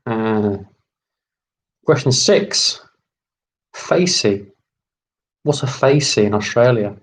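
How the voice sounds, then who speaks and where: Slow, deliberate male quiz host. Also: on the low side, low-quality recording. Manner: slow, deliberate, repeating each quiz term. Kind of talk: live online quiz hosting.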